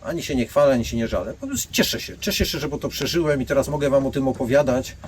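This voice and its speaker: A man's voice: medium pitch, animated, quick pace, a little hiss or hum. An older man, a martial arts master, telling blunt anecdotes and speaking directly to his listeners. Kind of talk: storytelling monologue.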